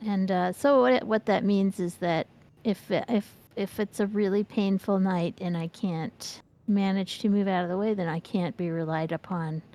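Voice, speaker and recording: A woman in her fifties with a warm, somewhat low voice chats casually and candidly about gaming. She's a game streamer acting as co-host.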